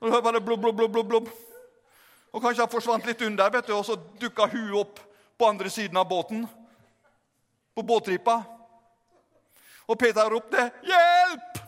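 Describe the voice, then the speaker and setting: An older man preaching a revival sermon in a very high voice, in a church hall with a long reverb. He tells the stories playfully and acts out every scene. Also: pauses often. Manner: lively, humorous, acts out scenes.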